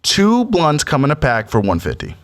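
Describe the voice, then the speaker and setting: Animated young man, lively laughing chat. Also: on the high side, moderate pace. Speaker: podcast co-host. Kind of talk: casual chat.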